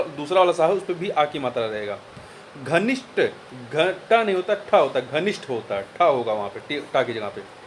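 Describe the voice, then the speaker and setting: A male exam tutor works through a Hindi spelling test, explaining corrections by repeating each word and spelling it out. His voice is fairly high, and there is a little hiss or hum.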